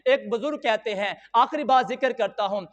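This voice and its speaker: A man's voice: very high voice, fairly bright tone. A man preaching a sermon, building his points with rhythmic, repeated parallel phrases. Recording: echoey hall, dull lo-fi sound.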